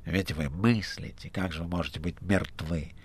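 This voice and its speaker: A man voicing a sinister male demon henchman in an audiobook, drawing his words out slowly and mockingly. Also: low voice, fairly even intonation, breathy edge, pitched below the performer's own voice. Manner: slow, drawn-out delivery. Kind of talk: audiobook character voice.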